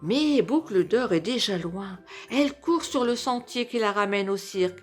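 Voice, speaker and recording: A woman reading a children's story aloud as a storyteller, slow and clearly paced. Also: mid-range voice, expressive, soft background music.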